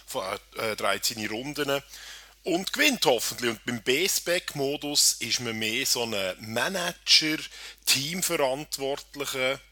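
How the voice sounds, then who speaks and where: Swiss man with a very bright voice. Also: mid-range voice, husky. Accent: Swiss German. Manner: explains things step by step. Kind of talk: casual podcast chat.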